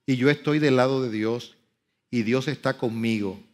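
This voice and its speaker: This is a man preaching a sermon at normal speed, his volume ranging from soft murmurs to loud, high bursts. He performs biblical speech with dramatic emphasis.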